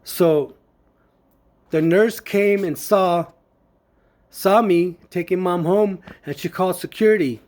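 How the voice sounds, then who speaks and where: A man testifying before a judge, speaking earnestly and haltingly with many fillers and restarts. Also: sits high, a little mellow. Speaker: witness testifying in court.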